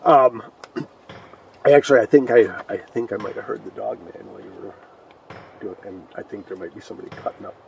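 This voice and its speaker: A man's voice: lowish voice, a little fast, vocal fry, a little mellow, a little hiss or hum. Talk loosely, a man joking outdoors at night. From Michigan. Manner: chatty and jokey, with many fillers. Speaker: co-host of a ghost story show. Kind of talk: casual chat and reading ghost stories aloud. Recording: distant mic outdoors.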